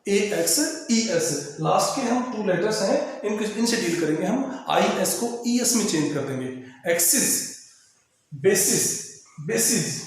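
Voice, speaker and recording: Teacher spelling out words in an echoey room. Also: male voice, sits high, animated. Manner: explains slowly, repeating and spelling out words letter by letter. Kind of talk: English grammar lesson. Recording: very echoey room with faint ambient noise.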